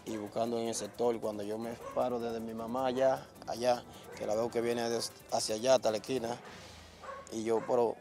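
A man's voice: medium pitch, little pitch movement, a little fast, dark tone, soft background music. A man, the father of a victim, retelling events in a rambling, agitated way during an outdoor street interview.

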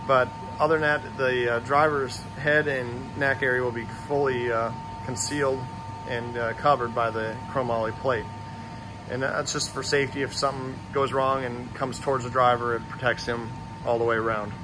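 Shop owner, male, mid-pitched, unpolished narration full of fillers, recorded on a phone over a loud steady shop hum. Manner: plain, halting, many fillers. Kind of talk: casual shop walkthrough narration. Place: large metal fabrication shop.

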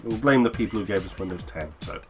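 A man's voice: lowish voice, lively intonation, soft background music. A man co-hosting a casual gaming podcast, firing off short wisecracks and laughing often. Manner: wisecracking, quick quips with frequent laughs. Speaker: podcast co-host. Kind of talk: casual chat.

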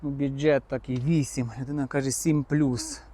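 Male car vlogger, warm mellow tone, chatty and direct with viewers, outdoor lot. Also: medium pitch, little pitch movement, normal speed. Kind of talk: casual on-the-spot car inspection vlog. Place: outdoor used-car market.

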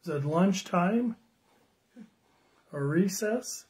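An older man in his sixties giving a children's sermon on a phone livestream, slow and friendly, greeting viewers by name and asking the kids questions. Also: sits high, expressive, darkish tone. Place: small room indoors at home. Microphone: phone camera close up.

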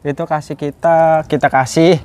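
Male helper, a little high-pitched, terse, echoes the host. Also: steady tone, normal speed, a little mellow. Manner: short agreeing replies, echoes the host. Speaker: seller's helper. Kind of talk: casual sales chat.

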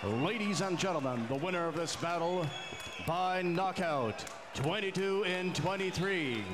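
A man making ring announcements in a booming, drawn-out fight announcer style. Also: lively intonation. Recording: arena PA amid loud crowd noise.

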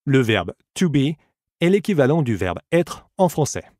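A man reading a scripted audiobook language lesson, giving slow, careful model pronunciations for the listener to repeat. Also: mid-range voice, very animated, darkish tone, dry recording, soft background music. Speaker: language teacher.

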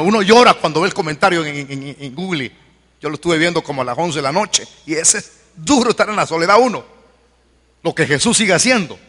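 A man preaching, his voice high and very lively, swinging from hushed lines to shouted peaks. He hammers the same call over and over, and the tone is bright and forceful. A long reverb trails each phrase through the church hall. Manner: fervent, swings to shouted peaks, repeats calls to convert. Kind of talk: evangelical sermon.

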